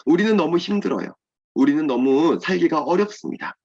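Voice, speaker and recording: A man's voice: fairly high pitch, animated, brisk, a little mellow, slightly rough, pitched above the performer's own voice. A man voicing distressed messengers who lament urgently about ruined walls, in a children's Bible lesson. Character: distressed male messengers bringing bad news. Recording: dull lo-fi sound.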